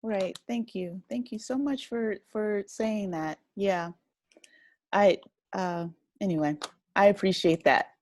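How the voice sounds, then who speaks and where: A woman appears as an interview guest, a writer and director, speaking in a casual, conversational way that is reflective and appreciative. Her voice is medium-pitched with a darkish tone, she takes her time, and there is no echo.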